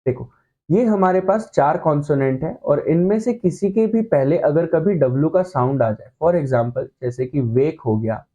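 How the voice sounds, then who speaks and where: High, mellow-voiced man teaching shorthand. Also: expressive, a little slow, lo-fi sound. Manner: explains with playful analogies, checks in often. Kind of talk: online classroom lesson.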